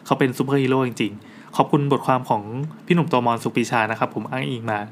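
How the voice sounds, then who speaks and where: A man on a podcast, telling a story in a casual, lively way with slangy asides. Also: mid-range voice, quick pace, slight background noise. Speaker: podcast co-host.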